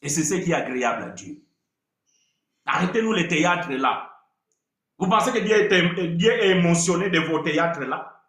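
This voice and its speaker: Animated male preacher with a very lively pitch, preaching in an echoey room. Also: moderate pace, pauses often. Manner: animated, mimicking worshippers with shouts and laughter. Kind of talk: sermon.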